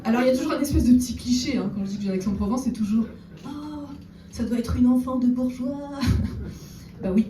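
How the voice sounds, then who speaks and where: Woman doing standup, dry ironic jokes, highish voice, mic kinda far, room hum. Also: fairly quick. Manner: ironic deadpan asides, chatty with the audience. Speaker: stand-up comedian. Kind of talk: stand-up comedy set. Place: theater stage before a live audience. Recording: roomy echo, distant mic, audible room noise.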